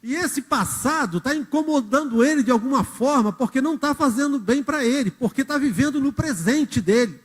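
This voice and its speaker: A man preaches in a church hall, his high voice rising and falling with lively storytelling. Long reverb from the hall trails each phrase as he speaks directly to the congregation. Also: moderate pace, few pauses, slightly rough. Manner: storytelling, acts out quotes, addresses the congregation directly. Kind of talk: sermon.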